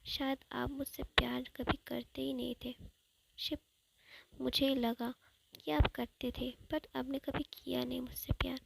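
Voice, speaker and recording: A woman's voice: sits high, little pitch movement, unhurried, creaky, very noisy, heavily acted. A woman voicing a sulky young grandson. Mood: hurt. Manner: sulky, pleading.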